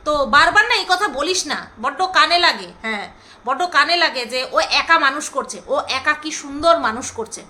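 High, bright-voiced woman ranting sarcastically. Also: lively intonation, fairly quick. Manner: scolding, sarcastic, repeats phrases for emphasis. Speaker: vlogger. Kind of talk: angry ranting monologue to camera.

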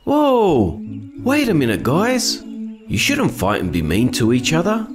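A wise, friendly guide from a children's cartoon. His delivery is hugely animated in pitch, with an earnest, instructive and encouraging manner. Music plays behind him. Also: a little slow. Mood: caring. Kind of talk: children's educational cartoon acting.

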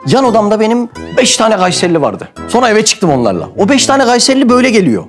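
A man from Mersin, Turkey hosting and telling a comic anecdote in a lively way, acting out quoted voices. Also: high voice, fast, faint music behind. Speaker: host and storyteller. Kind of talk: animated comic anecdote storytelling.

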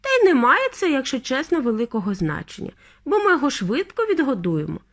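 A woman's voice: high-pitched, wildly swooping pitch, fairly quick, fairly bright tone, pitched above the performer's own voice, exaggerated voice. A woman voicing an eccentric, cheerful male chocolate maker with a breezy, theatrical manner. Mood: enthusiastic.

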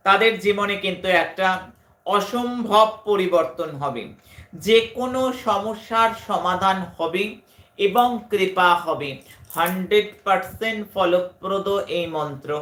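A woman guru delivers a devotional address, repeating her points with emphatic, declamatory force. Her bright, forward voice rings through an echoey room. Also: mid-range voice. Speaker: spiritual guru. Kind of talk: devotional address with mantras and daily forecasts.

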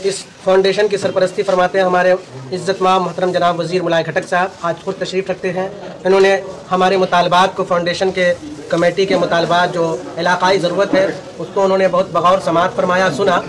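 A man's voice: high voice, completely flat delivery, a little fast, poor audio. Formal-speaking man, voice held level. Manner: formal, flowery Urdu-style phrasing. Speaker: community organization member. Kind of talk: speaking to a news camera. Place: indoor hall among a crowd. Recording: crowd noise behind.

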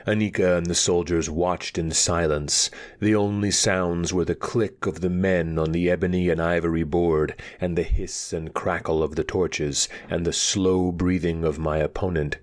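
A man reading a fantasy story aloud in a steady, measured narration. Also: low voice. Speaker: audiobook reader.

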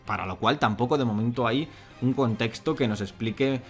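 A man reading a fan manga aloud and commenting in a chatty, excitable way, thinking aloud as he goes. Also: mid-range voice, fairly quick, faint music behind. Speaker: channel host.

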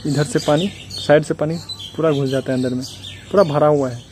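A man's voice: on the high side, fairly even intonation, fairly quick, darkish tone, a little hiss or hum. A young man from Bihar, India, talking casually to his phone at arm's length outdoors, chatty and complaining as he explains things step by step. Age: young adult. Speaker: village vlogger. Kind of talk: casual vlog to camera. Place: outdoors at a building site and rice fields. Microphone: phone held at arm's length.

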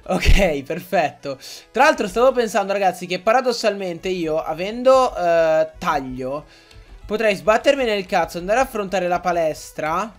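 A young man with a high voice gives excitable Let's Play commentary. He swears freely and keeps breaking into outbursts at the game. Faint game music plays behind him. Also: normal speed. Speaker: gaming YouTuber.

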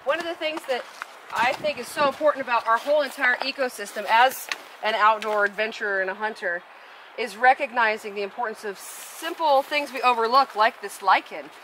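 A woman's voice: a little high, noisy background. Woman explaining the outdoors on a trail. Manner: informative, with filler pauses. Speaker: outdoor adventurer and hunter.

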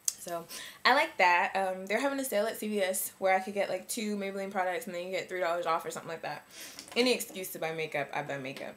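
A woman's voice: mid-range voice, quick pace, a bit bright. Chatty young woman reviewing makeup. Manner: chatty and rambling, full of likes and ums. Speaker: beauty vlogger.

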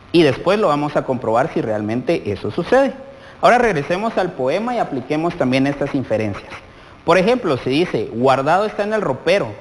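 Man, children's TV teacher, keeps asking the viewer questions; animated delivery with a long room echo. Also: on the high side. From Guatemala. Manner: asks many questions directly of the child viewer. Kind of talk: televised lesson for children.

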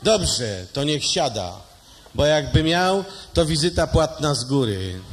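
A man's voice: fairly high pitch, sing-song, slow pace, slight background noise. A man voicing a brusque, impatient male doctor who speaks in a curt, raised voice.

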